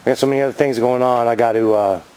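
A man in his fifties races through a rambling show-and-tell vlog in a medium-pitched voice, filming handheld outside his garage and growing excited about his finds. The audio is poor, with slight background noise.

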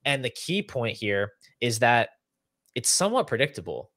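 A young man's mid-range, fairly bright voice has a sing-song lilt and a moderate pace as he hosts a fantasy football podcast. Conversational and analytical, he explains figures and runs through lists. The recording comes from a video call setup in a small room at home, with studio quality and no room sound.

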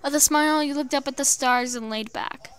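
A woman reading fan fiction aloud, halting with many stumbles and restarts. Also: sits high, a bit bright. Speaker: storyteller.

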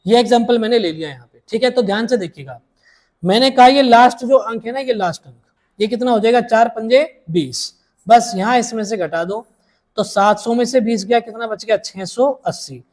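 A man teaching a maths lesson, repeating each step slowly and calling his students dear children. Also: very high voice, a little mellow.

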